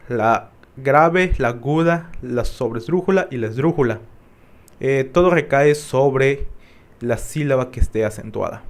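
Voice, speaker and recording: A young man presents spelling rules in a class presentation. He talks at an unhurried pace, reading steadily and pausing now and then on a filler. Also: medium pitch. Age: young adult. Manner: reads explanations steadily, with occasional fillers. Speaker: student presenter.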